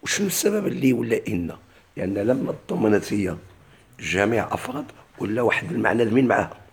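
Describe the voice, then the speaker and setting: A man's voice: on the low side, very animated, quick pace, vocal fry, breathy edge. A man with a Moroccan Arabic accent teaching a classical grammar lesson. He keeps asking his class questions and then answering them himself.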